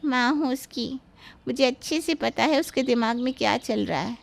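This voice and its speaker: Woman voicing a high, scolding worried mother. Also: moderate pace, gravelly, noisy background. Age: middle-aged. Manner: complaining, scolding. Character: worried, sharp-tongued middle-aged mother.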